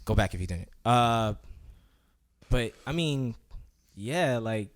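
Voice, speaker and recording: A man co-hosting a casual podcast who talks in a loose, animated way, full of restarts and fillers. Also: medium pitch, slow. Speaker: podcast co-host.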